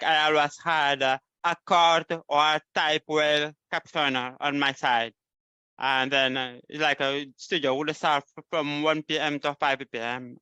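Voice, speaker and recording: Clear, bright-voiced young man on a panel. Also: medium pitch, dry recording. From Senegal. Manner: halting, many fillers and restarts. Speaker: panelist, designer. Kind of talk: panel discussion.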